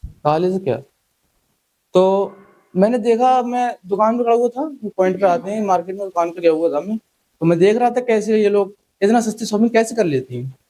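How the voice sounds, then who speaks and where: Young guy doing stand-up, chatty and teasing, kinda high voice but dark tone. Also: expressive, moderate pace, rough recording. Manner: chatty, teasing the crowd, acts out quotes. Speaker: stand-up comedian. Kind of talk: stand-up comedy set.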